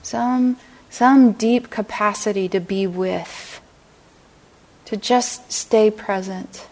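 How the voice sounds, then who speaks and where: A middle-aged woman teaching a meditation class, speaking gently and unhurriedly and often checking in with her listeners. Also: mid-range voice. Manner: gentle, unhurried, lots of "right?" and "you know". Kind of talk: dharma talk to a class. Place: meditation hall.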